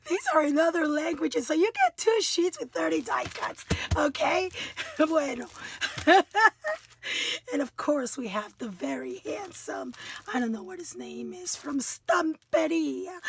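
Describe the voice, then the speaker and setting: A woman's voice: high voice, slight background noise. A woman from the United States chatting casually as she unboxes craft supplies, giggling often and stumbling over her words. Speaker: craft vlogger.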